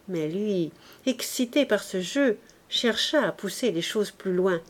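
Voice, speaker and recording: A woman reading a classic novel aloud as an audiobook, in a calm, even way. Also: mid-range voice, unhurried. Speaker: audiobook reader. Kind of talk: literary audiobook narration.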